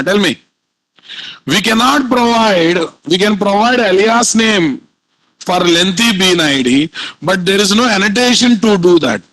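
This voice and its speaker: A man's voice: high voice, a bit bright, no echo, low-quality recording. A man with a Telugu Indian accent lecturing live as a programming instructor, repeating points and constantly quizzing his students with questions.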